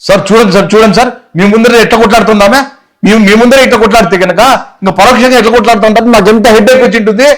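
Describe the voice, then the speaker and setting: A man's voice: high voice, rapid-fire, lightly acted, low-quality recording. A man playing an exasperated complaining neighbor. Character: sleepless complaining male neighbor.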